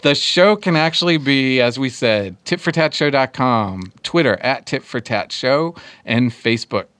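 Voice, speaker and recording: A man with a medium-pitched voice co-hosts a podcast. He chats casually and teases the others. The sound is dry, with no room echo. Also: lively intonation, normal speed, fairly bright tone. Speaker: podcast co-host. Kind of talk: casual chat with teasing banter.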